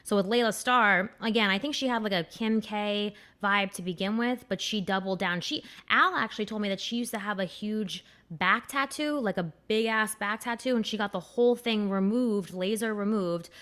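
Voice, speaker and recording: A woman's voice: medium pitch, a bit bright. A young woman hosting a podcast, chatting in a candid, crude and rambling way with lots of fillers. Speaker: podcast host. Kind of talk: casual chat.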